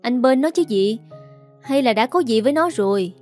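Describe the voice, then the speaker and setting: A woman's voice: on the high side, animated, moderate pace, a little mellow, soft background music, pitched above the performer's own voice, natural voice. Woman putting on a sneering old gossip. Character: gossiping older woman neighbor, spiteful.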